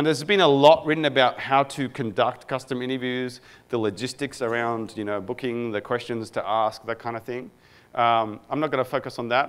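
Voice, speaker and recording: A product manager from Egypt gives a casual talk to a live conference audience in a smooth, mid-range voice. He fills it with plenty of fillers and self-deprecating asides.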